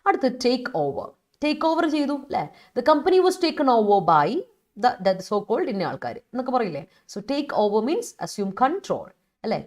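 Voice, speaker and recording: Malayali woman, English teacher, live online class, very lively pitch, quick coaxing talk, slow deliberate examples. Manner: addresses students by name, coaxing and reminding. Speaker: English teacher for exam aspirants.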